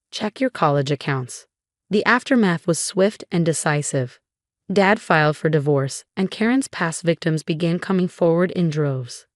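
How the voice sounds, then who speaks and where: A woman narrating a first-person story in an even, measured way. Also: on the low side, no echo, studio quality.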